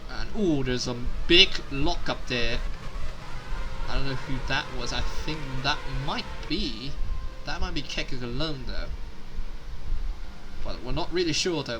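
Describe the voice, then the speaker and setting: A man commentating live on a motor race, halting and often correcting himself as he follows the action. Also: mid-range voice. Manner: halting, repeats and corrects himself mid-sentence. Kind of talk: live race commentary of a sim racing game. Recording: noisy, with vehicle sounds behind.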